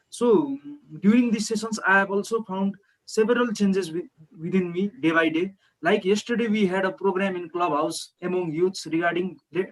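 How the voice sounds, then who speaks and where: A young man with a Nepali accent speaks over a video call in a high voice. He shares his experience earnestly and politely, pausing often on fillers as he gathers his words. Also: rough recording. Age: young adult. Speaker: participant sharing experience. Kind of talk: testimonial on an online call.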